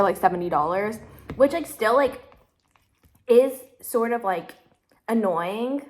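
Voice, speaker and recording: Rambling twenty-something woman chatting while eating. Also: mid-range voice. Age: 20s. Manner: chatty, rambling, heavy use of "like" and "literally"; talks while eating, mouth full. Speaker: vlogger. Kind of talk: casual mukbang chat.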